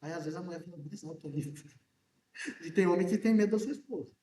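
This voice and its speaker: A man preaching a sermon as pastor in a church, chatty and joking, asking his congregation questions and talking loudly because he is hard of hearing. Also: sits high, fast. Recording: echoey church room from a distance.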